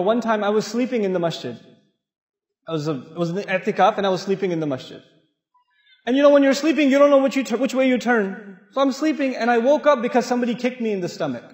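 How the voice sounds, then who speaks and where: Man, middle-aged, from Pakistan, Islamic lecturer, high voice, lively joking storytelling, big hall with long echo. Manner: animated, humorous, acts out voices. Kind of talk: sermon-style talk with storytelling. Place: large mosque hall. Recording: echoey hall with long reverb.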